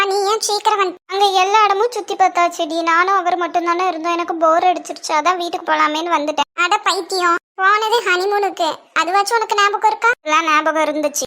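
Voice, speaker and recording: A woman's voice: very high voice, pushed and bright. A woman with a Kanyakumari Tamil accent voicing young women and a fussing mother in a family cartoon, with a scolding, teasing manner.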